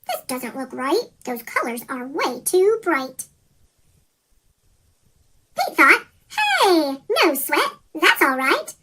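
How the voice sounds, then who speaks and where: A reader of a rhyming children's picture book, voice pitch-shifted into a chipmunk effect, reading in a sing-song way. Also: sharp tone. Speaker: storybook reader.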